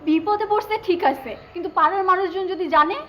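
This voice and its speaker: A shrill, outspoken neighbor. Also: female voice, fast talker, a bit bright, reverberant, slight background noise. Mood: indignant. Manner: outspoken and challenging. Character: indignant young female neighbor, outspoken.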